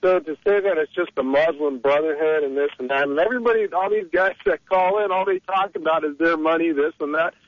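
A slightly high male voice comes through a dull, lo-fi phone line with no echo. The caller, an Egyptian man on a radio talk show, talks fairly quickly with few pauses, rambling hotly and pushing his opinions.

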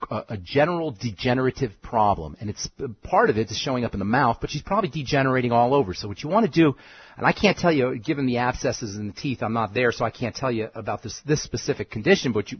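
A man's voice: medium pitch, husky. A man hosting a call-in health radio show as a pharmacist, lecturing emphatically and repeating his key points. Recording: muffled, dry studio sound.

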